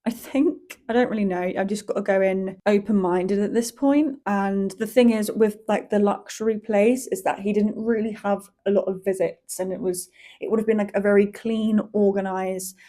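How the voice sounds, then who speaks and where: A young woman vlogging about her week in a chatty, candid way, full of fillers and the occasional swear. Her voice is mellow and warm, sitting at an ordinary middle pitch. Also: steady tone, moderate pace. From Spain. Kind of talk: casual vlog chat.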